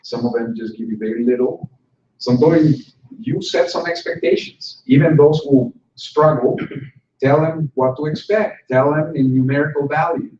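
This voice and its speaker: Presenting to instructors in a conference room, a man keeps his conference talk conversational and jokes with the audience now and then. His voice is fairly high-pitched with a darkish tone, at normal speed. The distant mic gives roomy hall sound that is dull and slightly noisy.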